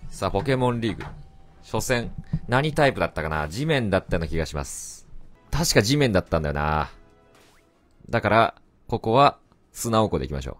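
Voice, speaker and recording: A man giving casual, excitable commentary over his own gameplay and often shouting back at the game. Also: lowish voice. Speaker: let's play commentator. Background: faint game music.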